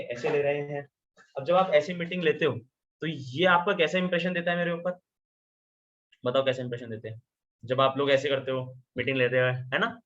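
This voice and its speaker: Male trainer, a bit high and sharp, chatty Hindi-English, dull call audio. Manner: animated, asks listeners questions, mixes English into Hindi. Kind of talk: virtual meeting training talk. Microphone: video call.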